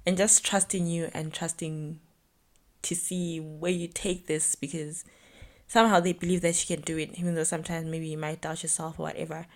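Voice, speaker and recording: A young woman talks alone into the mic for her podcast, chatty and candid, with fillers and asides along the way. Her voice sits a little low for a woman. She keeps it relaxed and personal. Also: moderate pace. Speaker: podcast host. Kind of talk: casual solo podcast monologue.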